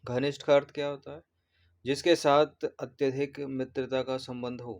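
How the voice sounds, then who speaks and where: Male tutor, steady monotone delivery, patient, repeats each word while walking through answers. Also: mid-range voice, normal speed. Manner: repeats words, corrects spellings patiently. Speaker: exam prep teacher. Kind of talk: explaining test answers.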